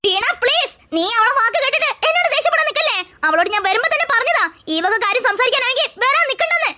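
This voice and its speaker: A voice actor doing a brisk scolding young man. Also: extremely high pitch, animated, very noisy. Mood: firm, irritated. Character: young man, firm and loyal boyfriend. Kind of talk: cartoon voice acting.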